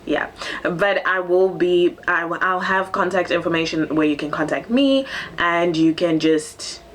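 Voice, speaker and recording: Speaking at a measured pace in a lowish voice, a teenage girl introduces herself in a casual vlog, bubbly and full of ums. She is seventeen, originally from Zambia, and grew up in Cape Town. A slight hiss or hum runs through the audio.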